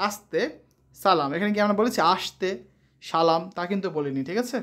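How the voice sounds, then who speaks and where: Woman teacher, mid-pitched voice, step-by-step lesson, asks and answers her own questions, lists example words. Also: expressive, fast talker, fairly bright tone. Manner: often checks understanding with a rising question; reads example words one by one in a list. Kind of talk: classroom lesson on letter pronunciation.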